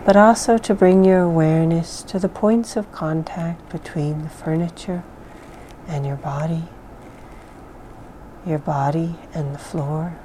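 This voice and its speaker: A woman leading a guided meditation in a soft, calm, soothing voice, with phrases often trailing off into breathiness. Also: low voice, slight background noise, rough recording. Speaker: mindfulness exercise guide.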